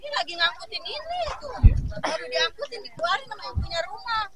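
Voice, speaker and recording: A woman pleads urgently outdoors in a very high voice. Loud street and traffic noise sits behind her. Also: lively intonation, quick pace. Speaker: local resident.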